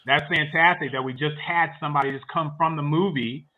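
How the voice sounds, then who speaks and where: A man's voice: a little high, steady tone, brisk, phone-quality sound, a little hiss or hum. A man hosting a livestreamed movie review chat, rambling along with frequent fillers and restarts.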